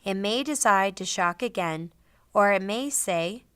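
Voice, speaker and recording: A middle-aged woman narrating a scripted training demonstration in a clearly enunciated, instructional manner. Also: mid-range voice, lively intonation, unhurried, a bit bright, no echo, studio quality. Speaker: instructor, presenter.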